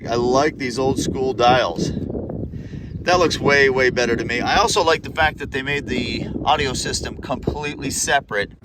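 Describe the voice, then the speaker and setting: A man talks his way through a motorcycle review in a relaxed, chatty manner, cracking the odd joke as he goes. His voice sits in a middle pitch, and it is recorded outdoors on the road. Heavy wind and engine noise roar behind him. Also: moderate pace. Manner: chatty, joking asides. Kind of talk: casual ride-along review.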